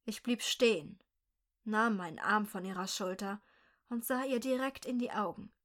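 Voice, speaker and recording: A woman reading a dark first-person story aloud in a slow, measured, quietly tense way. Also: medium pitch.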